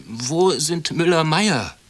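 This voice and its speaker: A man's voice: a little high, lively intonation, takes it slowly, pitched above the performer's own voice. A man reading aloud in a storybook and voicing a cunning, defiant little boy who cries out accusations. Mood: sly.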